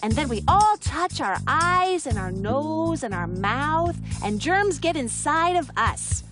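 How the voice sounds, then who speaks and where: A woman playing a cheerful preschool teacher in a cartoon, explaining things clearly and encouragingly to children. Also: sits high, very animated, slow pace, heavily acted. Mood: instructive, friendly. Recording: music behind the voice.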